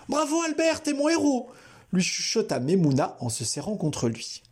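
A man reading a novel aloud with expressive storytelling. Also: mid-range voice, husky. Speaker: reader.

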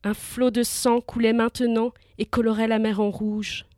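A woman's voice: a little high, flat delivery, moderate pace, a little mellow, dry recording, clean studio sound. A woman storyteller giving scripted narration of a myth for young listeners, vivid and lifting with the action.

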